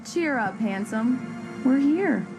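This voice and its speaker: A woman's voice: high-pitched, expressive, slow, over music, full character voice, poor audio. A woman playing an affectionate, playful young wife in a video game, tender and teasing.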